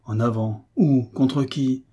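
A man's voice: medium pitch, fairly even intonation, slow, mellow, muffled recording. A man reading aloud as an old retired sailor, a blustering uncle who flinches at his housekeeper. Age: older. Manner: gruff and bluster, easily cowed.

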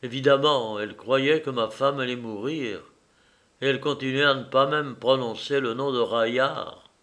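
A man narrating a first-person novel in a measured, expressive reading. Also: mid-range voice. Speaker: audiobook narrator.

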